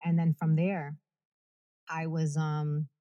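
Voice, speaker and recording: An American woman, a guest activist in an interview, speaks earnestly and passionately, fast and emphatic. Her voice sits low with a warm tone and flat delivery, and the recording is muffled.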